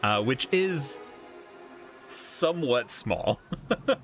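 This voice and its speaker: A man's voice: mid-range voice, animated, very slow, a bit bright, soft background music. A man narrating as dungeon master in a live tabletop game, loose and often laughing.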